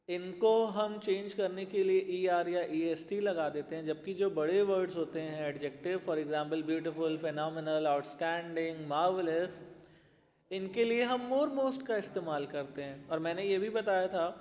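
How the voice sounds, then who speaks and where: A man's voice: on the high side, a little mellow. A male English teacher with an Indian accent, patiently explaining a grammar lesson to children and mixing Hindi with English. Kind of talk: recorded classroom lesson. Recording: long reverb, roomy hall.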